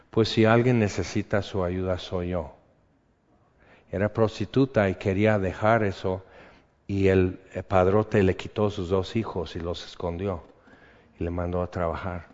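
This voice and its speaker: Low-voiced preacher in a hall. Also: male voice. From rural upbringing. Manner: conversational storytelling, drops to quiet asides. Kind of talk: sermon with personal story and Bible reading. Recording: dull reverberant hall sound.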